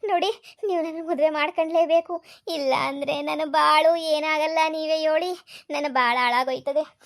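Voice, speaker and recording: A woman's voice: sits high, little pitch movement, quick pace, no room sound, clean studio sound, natural voice. A woman voicing a melodramatic village woman, in a cartoon comedy. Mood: tearful pleading. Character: fifty-something village woman, pushy, clingy.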